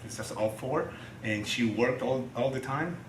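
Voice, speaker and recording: Man, Chilean Spanish accent, middle-aged, halting speech, roomy echo, faint background noise. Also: medium pitch. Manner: halting, many restarts and fillers. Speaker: guest, martial artist. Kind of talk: casual interview.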